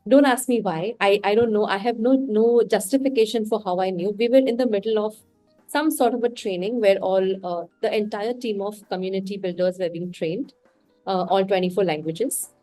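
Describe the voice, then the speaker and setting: A mellow, mid-range voice with fairly even intonation and normal speed belongs to an Indian woman speaking Indian English-accented English as a podcast guest. She is candid and reflective, talking her thoughts through in a casual interview. Soft music plays in the background.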